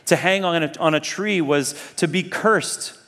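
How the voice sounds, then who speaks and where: Speaking to students in a sermon, a man from Zambia and Kenya uses a slightly high, somewhat bright voice at an unhurried pace. His manner is conversational and earnest, and he often poses rhetorical questions to the audience. A long hall reverb surrounds the recording.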